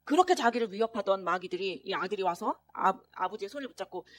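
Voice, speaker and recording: A woman preacher telling a story in a sermon, earnest and animated, acting out the voices of the people in it. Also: medium pitch, quick pace.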